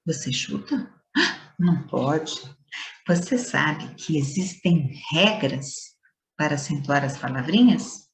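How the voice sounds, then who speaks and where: Woman teacher, low voice, unhurried, playful, stresses syllables for kids. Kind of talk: scripted lesson to schoolchildren.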